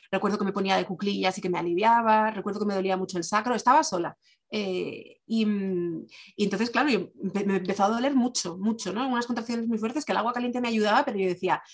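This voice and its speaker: A woman, a midwife telling her own birth story in a chatty monologue full of fillers and restarts, acting out the voices of the people she quotes. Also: medium pitch. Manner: fast, chatty, many fillers and restarts, acts out quoted dialogue. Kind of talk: personal storytelling, casual monologue.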